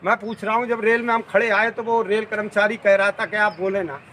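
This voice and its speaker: High, bright-voiced older man complaining. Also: level tone, a little fast, slight background noise. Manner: insistent complaining, rhetorical questions. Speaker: interviewee. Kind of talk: street interview.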